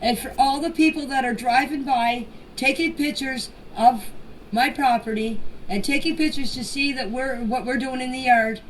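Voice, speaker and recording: A woman with a high-pitched voice, speaking at normal speed, records an unscripted personal statement in voice messages. She's plainspoken and emphatic, repeating phrases for stress. The message is noisy and she sounds far from the mic.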